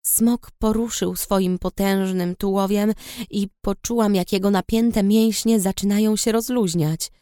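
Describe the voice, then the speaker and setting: A woman narrating a fantasy audiobook in first person, steady and measured. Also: medium pitch, no echo, clean studio sound.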